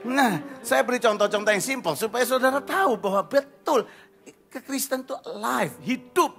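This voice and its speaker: A male pastor, preaching an energetic, humorous sermon sprinkled with slang. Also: very high-pitched, normal speed, gravelly, soft background music.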